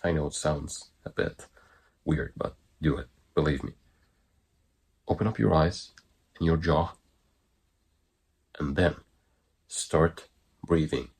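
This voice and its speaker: Really deep husky guy, breathwork coach talking viewers through steps, short halting phrases. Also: a little mellow. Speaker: breathwork coach giving online guidance. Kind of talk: instructional talk to viewers.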